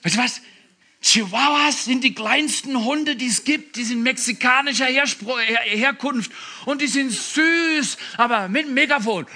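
Brief: male pastor, sermon, high bright voice, emphatic storyteller. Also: a little slow. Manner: animated, emphatic storytelling with asides.

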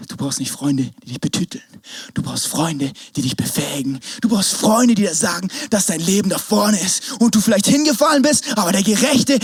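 A man preaching an energetic sermon, swinging between shouts and hushed asides. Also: sits high, husky, dry recording. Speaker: pastor.

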